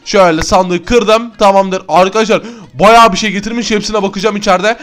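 A man giving excitable Minecraft gameplay commentary to his viewers as a gaming YouTuber. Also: sits high, a little fast.

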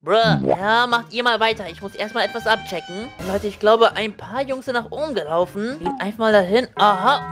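A young woman narrating her game play in a lively, excitable way, reading chat messages aloud in playful voices. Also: fairly high pitch. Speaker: gaming YouTuber. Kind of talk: narrating Roblox gameplay.

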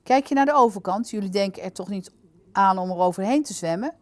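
A woman's voice: medium pitch, fast, close to an everyday voice. A woman voicing a stern, lecturing middle-aged male guard in a storybook reading.

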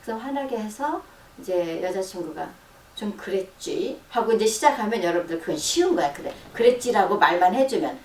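A middle-aged woman psychologist explaining advice in a radio-style talk, acting out sample lines of dialogue in a softer, lower voice. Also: expressive, brisk. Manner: explanatory, acts out sample dialogue in a soft low voice. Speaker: counseling psychologist giving advice. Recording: roomy, distant, faint noise.

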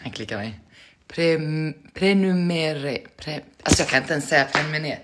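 A woman's voice: low-pitched, lively intonation, noisy background. A woman chatting casually to her live-stream viewers between prank calls, joking and laughing at herself. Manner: chatty, self-mocking, laughs often.

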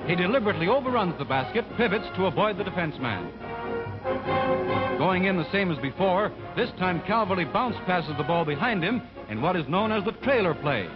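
A man's voice: high voice, sing-song, fairly quick. A man giving formal, scripted sports narration on an old 1940s newsreel soundtrack. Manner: formal, announcer-like delivery. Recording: dull lo-fi 1940s film sound with loud music. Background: loud music score.

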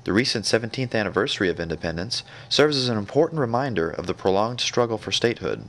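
A man reading documentary narration in a measured, even way. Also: lowish voice, rough recording. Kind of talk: scripted narration.

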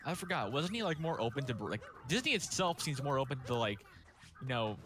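A man's voice: mid-range voice, very animated, a little fast, fairly bright tone. A young man co-hosting a let's play, rambling and hesitant with lots of fillers in casual gaming chat.

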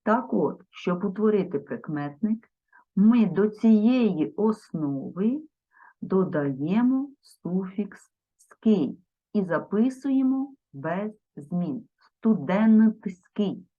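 Slow, husky woman teaching a grammar lesson. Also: medium pitch, expressive. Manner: slow, careful spelling-out of word forms; addresses viewers directly. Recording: dull lo-fi sound.

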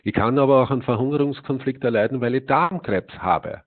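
Speaking a little fast in a mid-range voice, a male lecturer gives a live talk to a seated audience. He presses his points emphatically, raises rhetorical questions and resolves them himself, and hesitates a lot, tossing in "ja" and a hesitant "äh". Audio quality is tinny and phone-narrow.

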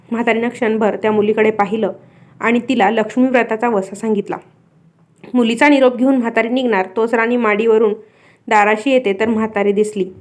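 A woman with a Marathi accent reading a devotional story in a steady, expressive way. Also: a little high.

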